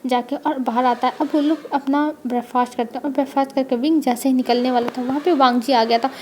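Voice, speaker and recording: A woman storyteller with a high, mellow voice retells a story in a loose, chatty way. She adds quick clarifications as she goes and keeps an easy flow. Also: steady tone, slight background noise. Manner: informal retelling, filler phrases like "matlab". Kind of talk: storybook narration read aloud.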